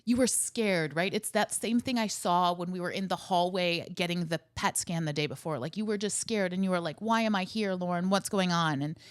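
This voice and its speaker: A woman co-hosting a podcast, recounting events with wry, animated storytelling. Her voice sits at a middle pitch. The sound is dry and close, with no room echo. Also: a little fast, hardly any pauses. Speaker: podcast co-host.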